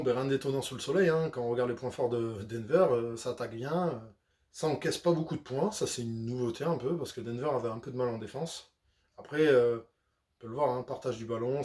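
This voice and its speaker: A young man, casually analyzing a basketball team, slangy and animated with lots of fillers and self-corrections. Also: mid-range voice. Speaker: basketball video host.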